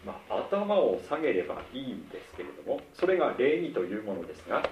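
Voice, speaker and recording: A middle-aged man preaching a sermon in a conversational, measured way, acting out the quoted lines. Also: mid-range voice, sing-song, highs cut off, a little hiss or hum. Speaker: pastor. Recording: roomy, distant mic with faint ambience.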